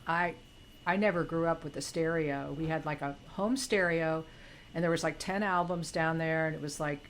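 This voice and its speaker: A woman co-host in casual chat who talks haltingly, stacking up fillers and restarts. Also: sits low, a little hiss or hum.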